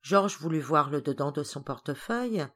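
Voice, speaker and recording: A woman narrating a classic children's novel as an audiobook reader, calm and even. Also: sits low, normal speed.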